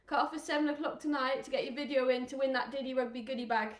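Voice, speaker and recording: This children's rugby coach from England talks fast in a high, steady voice during a live online exercise session for kids. She's upbeat and encouraging, counts down out loud, sometimes sounds winded, and the room she's in is echoey.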